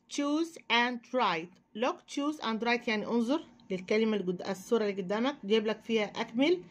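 An Egyptian woman teaching young children English, drilling sounds slowly and checking in with "okay". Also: fairly high pitch. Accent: Egyptian Arabic. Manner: drills letter sounds slowly, often says sorry and okay.

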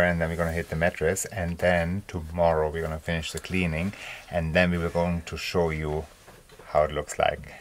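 Deep-voiced man narrating a relaxed vlog. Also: a little hiss or hum. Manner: relaxed, chatty, laughs often. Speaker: travel vlogger. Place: outdoors on a small island by the sea.

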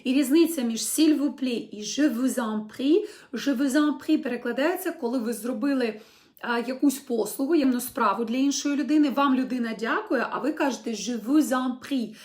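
A young woman with a high voice runs an online language lesson. She explains each phrase word by word and models it slowly and brightly for her students to repeat. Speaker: French teacher.

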